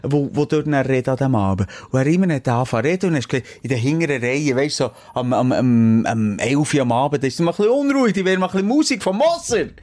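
A man's voice: medium pitch, lively intonation, quick pace, few pauses, a little mellow. A man with a Swiss German accent, co-hosting a podcast, telling a long rambling story full of restarts and fillers. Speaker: podcast co-host; event host and DJ. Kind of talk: casual chat.

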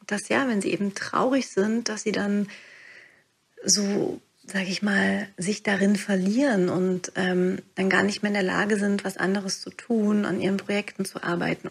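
A woman and meditation teacher talking calmly through a podcast monologue, guiding the listener and dropping to soft whispers on key phrases. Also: mid-range voice, vocal fry, breathy edge.

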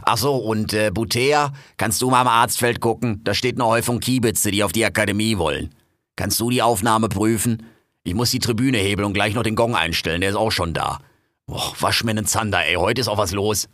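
A man's voice: on the low side, fairly quick, fairly bright tone, no echo, studio quality, lightly acted. A man doing a blunt, busy foreman. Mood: brusque. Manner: brusque, casual colloquial orders.

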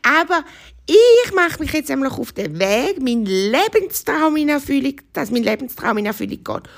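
A woman's voice: high-pitched, pitched above the performer's own voice. A woman voicing a small, nervous young rabbit with a St. Gallen Swiss German accent. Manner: nervous, pleading.

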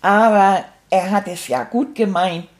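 Cheeky stuffed toy rat voiced by a woman, slow leisurely talk, chatty and fond, storybook tale. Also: medium pitch, fairly even intonation, lightly acted. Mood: cheerful. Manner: chatty, fond, rambling retelling. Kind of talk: first-person storytelling.

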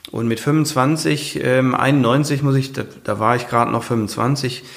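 A man's voice: mid-range voice, steady tone, moderate pace, creaky. A man in his fifties, a firefighter and author, telling his story in a casual interview, earnest and rambling with many fillers and restarts.

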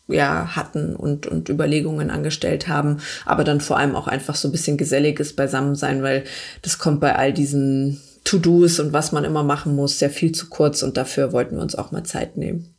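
A woman talking earnestly on a podcast about her work in politics, pausing often with fillers and restarting her sentences. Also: low-pitched, gravelly, darkish tone. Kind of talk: casual podcast chat.

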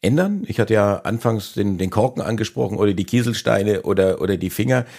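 A man's voice: lowish voice, lively intonation, brisk, gravelly, darkish tone. A man hosting a podcast interview, chatty and rambling, talking at length in a conversational way. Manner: chatty, rambling, self-aware about monologuing. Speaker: podcast host.

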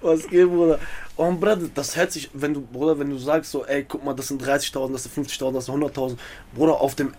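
A man's voice: medium pitch, fairly even intonation, quick pace, warm tone, slight background noise. A young man chatting casually as a rapper guest, slangy, calling everyone "brother" and laughing often. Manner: slangy, says "Bruder" constantly, laughs often. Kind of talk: casual chat.

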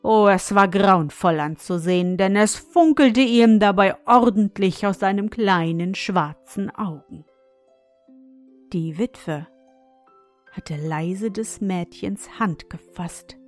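A woman reading a fairy tale as a bedtime story, speaking gently and soothingly straight to a child. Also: medium pitch, slow pace, faint music behind.

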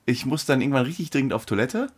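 A man co-hosting a podcast, chatting casually and telling his stories with excitement. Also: mid-range voice, fast, husky. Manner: excitable storytelling, laughs often. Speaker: podcast co-host. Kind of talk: casual chat.

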